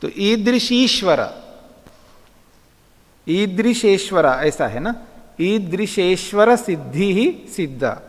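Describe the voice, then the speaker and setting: Slow, lively-voiced man teaching in a hall. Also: high voice. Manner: patient, repeats words slowly for students. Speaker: Vedic philosophy teacher. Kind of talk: classroom lecture. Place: ashram lecture hall. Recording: long hall reverb.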